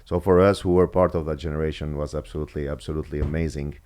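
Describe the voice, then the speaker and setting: A man with an Albanian accent, a former footballer from Kosovo, talking as a guest in a casual interview, halting with many fillers and restarts. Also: very deep voice, fairly even intonation, darkish tone.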